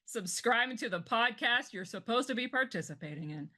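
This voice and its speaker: A woman with a high, bright, lively voice, co-hosting a loose podcast chat. She bosses her friends around, swears freely and laughs a lot. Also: fairly quick. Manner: bossy teasing, swears a lot, laughs often. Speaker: podcast co-host. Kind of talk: casual chat.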